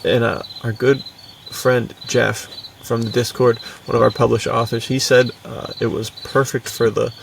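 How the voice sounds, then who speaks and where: An American man co-hosts a podcast and also writes adventure fiction; he chats casually in a bro-ish way, saying "dude" and "like" a lot and using plenty of laid-back slang. His medium-pitched voice is creaky and flat, moving at normal speed with few pauses. The mic is distant, with slight background noise.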